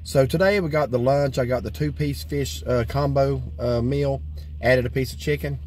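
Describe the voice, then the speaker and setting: A man's voice: mid-range voice, normal speed, darkish tone, slight background noise. A middle-aged man hosting a casual food vlog, talking in a rambling, folksy way with lots of fillers, recorded inside a parked vehicle. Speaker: vlog host. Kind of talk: casual food review chat.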